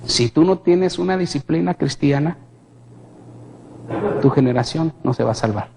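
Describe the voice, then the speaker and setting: A man's voice: on the high side, moderate pace, vocal fry, background noise. A man gives a dramatic personal testimony in church as a vivid storyteller who asks his listeners questions directly. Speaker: guest giving testimony in church.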